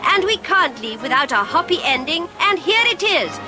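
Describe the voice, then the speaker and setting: A woman's voice: sits high, big pitch swings, moderate pace. A woman giving a jaunty, pun-filled comic commentary in the manner of an old newsreel announcer. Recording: music playing underneath.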